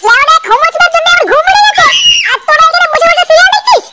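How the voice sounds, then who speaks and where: A squeaky, foul-mouthed cartoon hothead. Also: expressive. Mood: angry. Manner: shouting, crude and quick. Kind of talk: comic cartoon voice acting. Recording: loud background noise.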